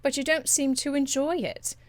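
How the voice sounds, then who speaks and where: A woman voices a proud, elegant, condescending court enchantress in video game dialogue, lightly acted with polished, haughty phrasing and drawling endearments. Her voice is high and steady at a moderate pace, in a dry recording. She sounds amused and superior.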